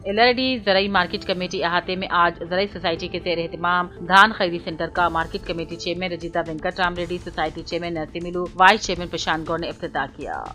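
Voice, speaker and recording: A woman with a lowish voice reads a scripted news bulletin formally, going through the items one after another. Her tone is steady, pushed and bright, and she speaks quickly with few pauses over background music.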